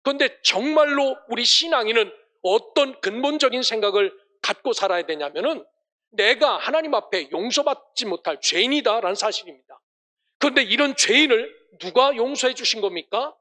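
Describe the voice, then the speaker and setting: A man's voice: extremely high pitch, expressive, moderate pace, pushed and bright. A male pastor preaching a Sunday sermon, asking rhetorical questions and ending passages with blessings.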